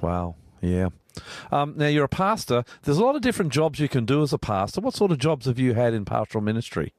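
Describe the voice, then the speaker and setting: A man's voice: mid-range voice, very animated, fast talker, a little mellow, no room sound. A man from Australia interviewing a guest, chatty and curious, often restarting his questions. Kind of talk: conversational interview.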